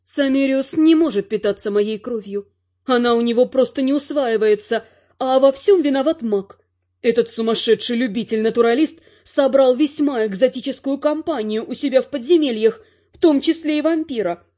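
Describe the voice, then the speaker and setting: A woman's voice: a little high, normal speed, warm tone, muffled recording. A woman narrating a first-person fantasy audiobook in a wry, ironic manner, voicing the dialogue herself.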